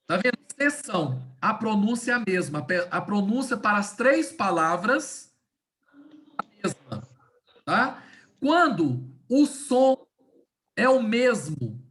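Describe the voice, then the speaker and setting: A woman teaching a class over a video call, in a middle-pitched voice of ordinary range. She explains patiently, one step at a time, and slows down to lean on the key words. She keeps pausing to check that her students are still with her. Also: a bit bright. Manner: didactic, checks in often with "tá?" and "né?". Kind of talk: online class lecture.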